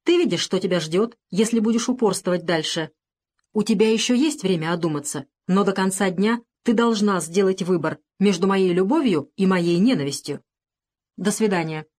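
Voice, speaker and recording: A woman's voice: medium pitch, normal speed, darkish tone, natural voice. A woman reading the part of a domineering, mocking male plantation owner in an audiobook, with a harsh, commanding delivery. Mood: cold threatening.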